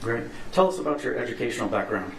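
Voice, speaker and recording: A man's voice: medium pitch, fast talker. A man working as prosecutor questions a witness in a formal, polite way, heard in a courtroom recording. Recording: roomy courtroom sound with steady noise.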